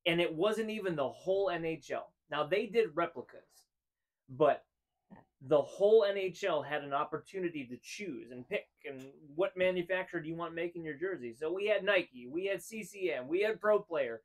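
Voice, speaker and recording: A man's voice: fairly high pitch, expressive, normal speed. A man in his thirties co-hosting a casual chat show, talking in an opinionated, emphatic way and repeating phrases to drive a point home. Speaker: co-host. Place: room full of hanging jerseys.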